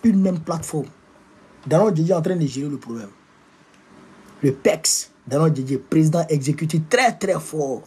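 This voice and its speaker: A man's voice: on the high side, darkish tone, husky. A man with an Ivorian French accent, ranting at political opponents in a combative, insulting and repetitive way. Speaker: political activist. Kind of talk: political rant to camera.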